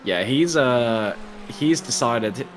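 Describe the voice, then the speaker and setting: A man's voice: mid-range voice, animated, takes it slowly, slight background noise. A man giving chatty, jokey, analytical commentary on a sim race.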